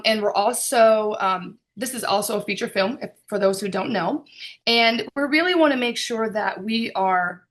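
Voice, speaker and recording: A woman producer and director hosting a video call, chatty and excited, with frequent fillers and laughs. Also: medium pitch. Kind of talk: casual presentation on a video call.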